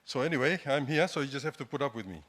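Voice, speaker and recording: Casting: middle-aged man, Fijian accent, medium pitch, self-deprecating and conversational public speaker. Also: animated, racing, fairly bright tone. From Fiji. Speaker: guest speaker, entrepreneur. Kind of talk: informal public talk to an audience. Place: indoor hall, standing at a lectern.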